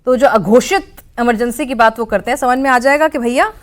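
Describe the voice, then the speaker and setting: A woman's voice: fairly high pitch, brisk. A woman anchoring a studio discussion, engaged and interjecting often. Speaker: news anchor.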